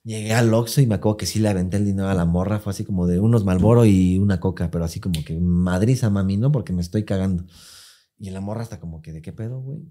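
Speaking low and quickly, this Mexican Spanish-accented man co-hosts a podcast. He shares a story from his own life in slangy, swear-filled casual chat. Along the way he acts out people's lines with lively energy.

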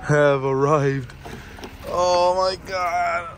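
A man's voice: a little high, drawn-out words, background noise. A young man filming a casual road-trip vlog on his phone, loose, profane and joking with friends. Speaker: vlogger. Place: gas station, car and new house. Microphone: handheld phone camera.

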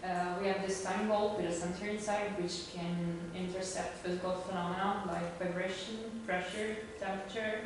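Halting young woman, flat low voice. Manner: hesitant, halting with fillers. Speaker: student. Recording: echoey room from a distant mic with faint noise.

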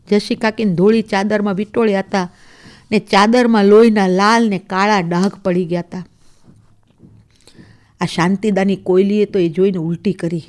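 A woman reading a first-person short story aloud in a steady, measured storytelling voice for a radio serial. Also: mid-range voice. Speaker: story reader.

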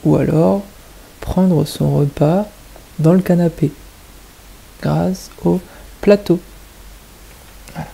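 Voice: medium pitch, slow pace, vocal fry, pauses often, mellow, husky, low-quality recording. A kindergarten teacher with a French accent, patiently explaining a lesson to young children and asking them questions step by step.

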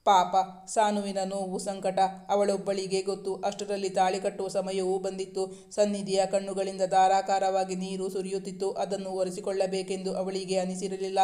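Male storyteller, mellow and even, steady reading with small restarts. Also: high-pitched. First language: Kannada. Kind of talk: scripted story narration.

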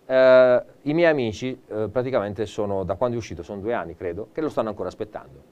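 A man's voice: fairly low pitch, quick pace, a little mellow, clean tone, lo-fi sound. Enthusiastic teleshopping salesman man. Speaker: TV shopping presenter. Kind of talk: live teleshopping sales pitch.

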